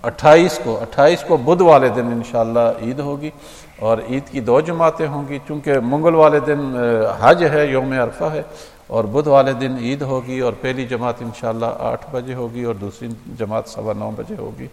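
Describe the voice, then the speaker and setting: Man giving a mosque talk, reverberant hall. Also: medium pitch. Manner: explanatory, steady, with hesitation fillers. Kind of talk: religious talk to a congregation.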